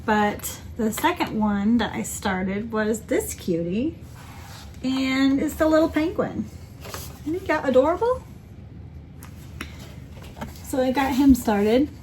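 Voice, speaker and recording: A woman's voice: a little high, slow, a little mellow, a little hiss or hum. A woman in casual chat as a crafting vlogger, rambling and correcting herself with many ums. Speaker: cross-stitch vlogger.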